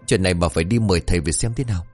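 A man voicing a stern, conservative older father who talks in a gruff, commanding way in a told ghost story. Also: sits low, rapid-fire, darkish tone, soft background music.

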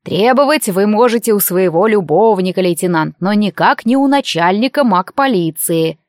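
A woman voicing a stern male police chief in an audiobook, slow and dismissive. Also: medium pitch, expressive, dry recording, studio quality, lightly acted. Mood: cold.

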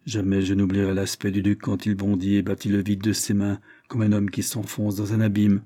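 A man narrating a classic detective story in a measured, literary audiobook reading. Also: fairly low pitch, monotone, warm tone, dry recording, clean studio sound. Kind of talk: scripted narration.

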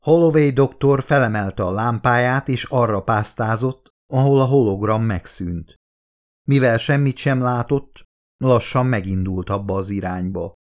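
Man narrating an audiobook steadily. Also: medium pitch. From Hungary. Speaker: author reading his own audiobook.

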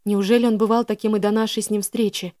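A woman's voice: medium pitch, level tone, quick pace, darkish tone, dry recording, clean studio sound. A woman narrating a first-person audiobook in an emotional, dramatic reading.

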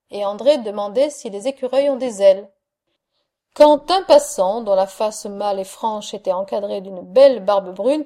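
Woman audiobook narrator, measured and expressive, mellow fairly high voice. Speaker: audiobook reader.

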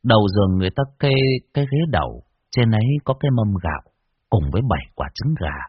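A man narrating a scripted horror story with an expressive, varied delivery. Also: fairly low pitch, fast talker, slightly rough, no room sound, dull audio.

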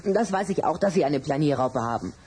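An actor playing a grumpy, worldly-wise little boy vampire with a raspy voice in a children's radio play. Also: mid-range voice, lively intonation, fairly quick, darkish tone. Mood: matter-of-fact. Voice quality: husky, raspy.

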